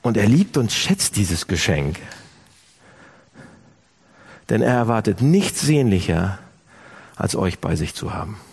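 A man preaching a sermon, speaking directly to his listeners with lively emphasis. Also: on the low side, normal speed, creaky, breathy edge. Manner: animated, addresses listeners directly.

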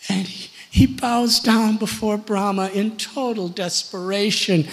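A man's voice: sits high, fairly even intonation. A man, a spiritual teacher, telling a sacred story in a sermon, emphatic and dramatic. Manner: slow, emphatic and dramatic, with laughter. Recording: long hall reverb.

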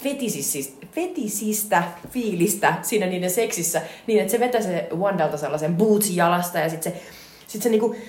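A woman with a Finnish accent co-hosting a podcast, chatting animatedly about a film and laughing often. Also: fairly low pitch. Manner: animated, laughing, acts out film lines loudly. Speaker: podcast co-host. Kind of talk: casual chat about a film. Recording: echoey room with faint ambient noise.

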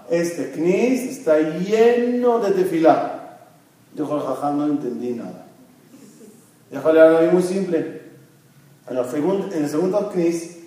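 High-voiced man teaching in an echoey hall. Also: mellow. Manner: asks the audience questions and answers them himself; mixes Hebrew terms into his speech. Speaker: religious teacher. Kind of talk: Torah lesson to a congregation. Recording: very echoey room, mic far off.

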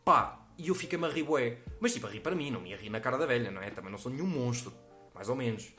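Lively in intonation and quick in pace, a 21-year-old comedian from the Lisbon area tells a comic anecdote in European Portuguese. He's slangy, swears heavily, and acts out quotes, his medium-pitched voice bright and forceful over soft background music.

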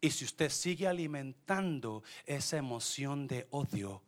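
A man, preaching a sermon as pastor, swinging from quiet asides to shouted climaxes and dropping in English phrases. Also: mid-range voice, animated, a little slow.

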